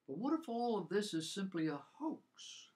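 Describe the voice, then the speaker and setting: A man's voice: high-pitched, big pitch swings, normal speed, darkish tone. A man presenting a scripted Bible program, mixing commentary with rhetorical questions and an emphatic delivery.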